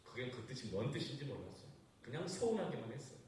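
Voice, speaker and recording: A man preaching a sermon as pastor, telling a personal story with sudden swings between loud outbursts and hushed asides. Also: mid-range voice, big pitch swings, fast, slight background noise. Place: church sanctuary. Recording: echoey church hall, voice from far off.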